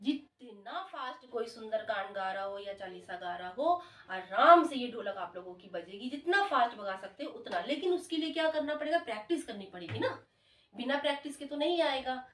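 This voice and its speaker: In a warm, coaxing music lesson, a woman teaches dholak and calls out the beat counts while playing. She speaks a little fast and animatedly in a high-ish voice; the audio is roomy, distant and dull, carrying the drumming and slight background noise.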